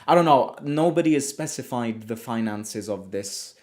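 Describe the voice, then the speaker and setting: This football fan channel host from Italy chats animatedly on a livestream, reading viewer comments at a moderate pace in a mid-range, slightly mellow voice. He often breaks off mid-thought, restarts, and repeats himself.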